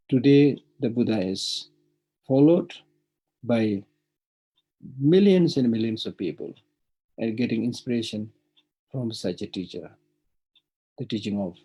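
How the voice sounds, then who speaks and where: A middle-aged man with a Tibetan accent gives a Buddhist dharma teaching remotely over a virtual connection, emphatically repeating points and laughing warmly between them. His voice is lowish with a breathy edge, and the audio quality is poor.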